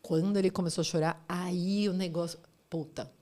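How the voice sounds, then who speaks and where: A woman's voice: lowish voice, a little fast. A woman in her forties, a podcast guest, telling her own story in casual chat and acting out what others said. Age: 40s. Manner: animated, acts out quoted voices.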